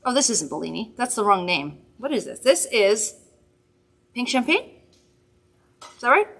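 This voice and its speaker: A woman's voice: on the high side, sing-song, moderate pace, vocal fry, a bit bright. Woman host, casual makeup demo, chatty and giggly with rambling asides. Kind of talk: casual product demo chat.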